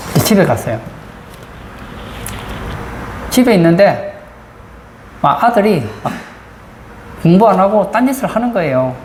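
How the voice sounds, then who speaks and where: Her voice medium in pitch with a darkish tone, a woman pastor delivers a sermon peppered with rhetorical questions for the congregation. She is recorded in a church sanctuary with roomy acoustics and a little background noise.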